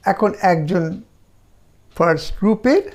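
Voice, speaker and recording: Slow, mellow Bengali-accented male teacher. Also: sits high, expressive. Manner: slow, deliberate drilling of verb forms for repetition. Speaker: language teacher. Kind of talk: slow spoken language lesson.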